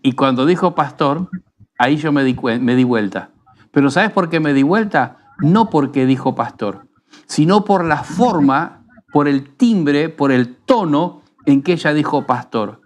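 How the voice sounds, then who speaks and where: Argentine pastor teaching in an unhurried tone. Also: male voice, on the high side, animated. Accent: Rioplatense Spanish. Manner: unhurried, teaching tone with frequent rhetorical tag questions. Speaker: pastor and radio program host. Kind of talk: conversational preaching.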